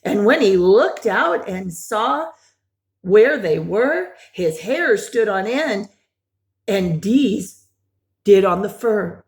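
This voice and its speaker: With lively, expressive delivery, a woman reads a picture book aloud to little children and interrupts herself with simple questions, gasps and exclamations. Her voice is mid-range and her pace slow.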